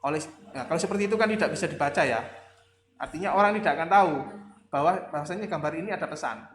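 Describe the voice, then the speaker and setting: This male university lecturer speaks very fast in a fairly high, fairly bright voice. He rambles through a conversational class talk, leaning on fillers and rhetorical questions, and has a slight tinge. Faint ambient noise sits in an echoey room.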